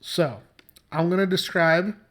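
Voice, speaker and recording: A man's voice: high voice, measured pace. A man in his thirties co-hosting a comedy podcast, ranting animatedly and swearing freely in casual chat. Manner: animated, profane, exaggerated ranting. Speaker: podcast co-host.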